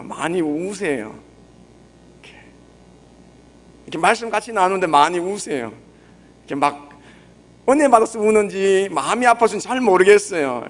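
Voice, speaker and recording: A young male pastor with a Busan Gyeongsang accent, preaching gently and conversationally, often putting questions to the congregation. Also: high voice. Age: young adult. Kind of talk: sermon.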